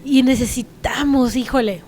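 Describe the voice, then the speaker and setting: A woman with a Mexican accent shares her faith testimony in a frank, earnest, conversational way. Her voice sits high, with a faint hiss in the background. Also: moderate pace, darkish tone. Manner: earnest, frank, laughs at herself. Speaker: guest giving testimony.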